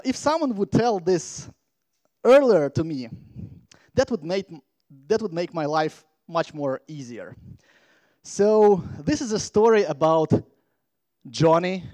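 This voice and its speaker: A man from Latvia giving a playful, energetic conference talk from a stage microphone. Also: on the high side, no echo. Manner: energetic, playful, engages the crowd. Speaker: conference speaker.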